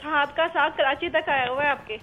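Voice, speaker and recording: A young woman calling into a show by phone, soft-spoken and a little shy. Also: high-pitched, fairly even intonation. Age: young adult. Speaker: caller. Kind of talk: phone call. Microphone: phone line. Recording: dull lo-fi phone line.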